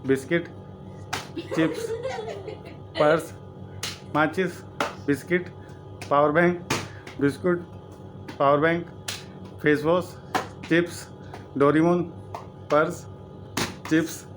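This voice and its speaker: A man's voice: fairly high pitch, steady tone, slow pace, long pauses, music in the background. A middle-aged man hosting a family challenge vlog, joking around and calling out words like a playful emcee. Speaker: vlog host.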